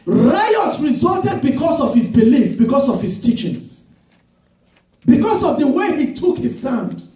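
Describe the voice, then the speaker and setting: A male pastor preaching a sermon, swinging between loud shouted emphasis and slow drawn-out phrases. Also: very high-pitched, sing-song. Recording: echoey room from a distance.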